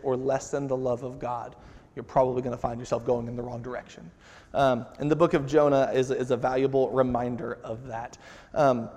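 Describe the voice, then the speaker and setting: A man preaches a sermon in a casual, conversational way, slipping into the voices of the people he quotes. His pitch sits in an ordinary middle range. The sound carries a long reverb from a church sanctuary. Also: darkish tone. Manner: conversational, acts out quotes with rising intensity.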